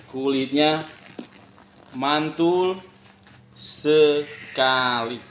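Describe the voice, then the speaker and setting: A young man hawks his wares in a slow, emphatic sales patter, stretching out key words. His voice sits a little high. It bounces around a hard, echoey living room as he talks into a phone. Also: a bit bright. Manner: repetitive, emphatic hawking with drawn-out key words. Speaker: online bag seller. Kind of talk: informal live sales pitch. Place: large tiled living room, indoors. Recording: echoey room, some background noise.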